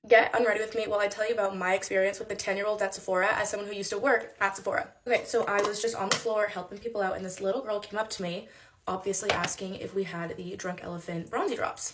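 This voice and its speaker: A woman tells a storytime about her retail job, talking fast and chatty. She fills her sentences with "like" and sounds animated. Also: medium pitch. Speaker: former beauty store worker. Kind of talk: casual storytime.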